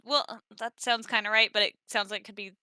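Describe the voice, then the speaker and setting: A woman co-host arguing her points in animated, casual gaming chat. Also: on the high side, quick pace, clear, resonant tone, no room sound. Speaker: podcast co-host.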